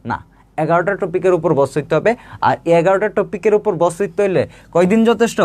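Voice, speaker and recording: A young man from Bangladesh giving an online exam-prep lesson, repeating points with a fast pep-talk manner. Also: sits high, darkish tone, no echo. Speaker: admission test tutor.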